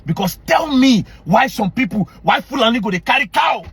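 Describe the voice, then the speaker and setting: Angry high-voiced husky Nigerian man. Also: lively intonation, normal speed, a bit bright. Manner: angry, confrontational, repetitive, mixing Pidgin into English. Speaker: online commentator. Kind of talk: heated rant to camera.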